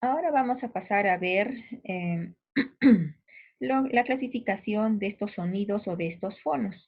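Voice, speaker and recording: A woman's voice: medium pitch, a little slow, husky. A woman teacher giving a recorded lesson, patiently demonstrating sounds aloud and checking that the listener follows. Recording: tinny phone-like recording.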